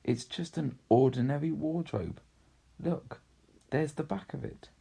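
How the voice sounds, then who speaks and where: A man puts on a storybook older sister, brisk and sensible. The girl is dismissive, in a lightly raised voice with a husky grain. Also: fairly high pitch, mellow, pitched above the performer's own voice, full character voice. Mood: scolding.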